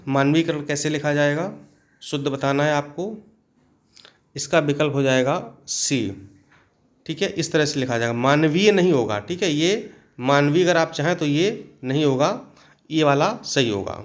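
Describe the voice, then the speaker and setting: Male teacher, slightly higher voice, patient step-by-step exam-prep delivery. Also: normal speed. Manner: explains step by step, often adds a checking "okay".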